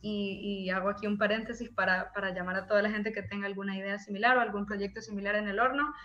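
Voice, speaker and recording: A woman from El Salvador with a Salvadoran Spanish accent, speaking as a panelist on an online panel, lively and full of fillers. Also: mid-range voice, quick pace, dull audio. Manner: warm, lively, laughs often, many fillers. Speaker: panelist, media co-founder. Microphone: video call.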